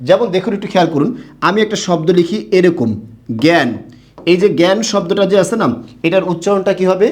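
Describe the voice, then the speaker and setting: A man's voice: high-pitched, steady tone, quick pace, a little mellow. A young man from Bangladesh teaching a grammar lesson, asking the class questions and answering them himself.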